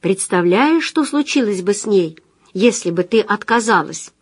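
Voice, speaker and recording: A woman's voice: medium pitch, animated, normal speed, husky, no echo. A woman narrator voicing a playful young female student, speaking with light self-mocking humor in an audiobook.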